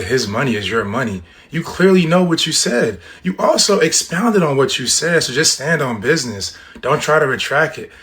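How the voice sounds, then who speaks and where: A man's voice: a little high, a bit bright. A man giving confrontational social media commentary, lecturing bluntly like a dating coach and addressing the listener directly.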